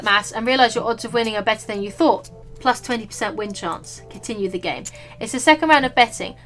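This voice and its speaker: A woman's voice: fairly high pitch, a bit bright. A woman hosting a gaming video, reading game text aloud with casual, playful and jokey commentary. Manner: playful, jokey, breaks into silly asides.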